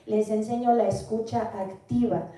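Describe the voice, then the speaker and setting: This woman from Mexico, with a Mexican Spanish accent, gives an earnest Bible teaching and poses questions to the listener. Her voice sits a little high and is mellow, with a steady tone and measured pace. She sounds distant in an echoey room.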